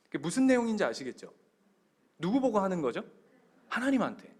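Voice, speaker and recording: A man's voice: high voice, brisk, husky. A male pastor preaching a sermon in a church, telling stories with energy and putting questions directly to the congregation. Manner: animated storytelling. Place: church sanctuary.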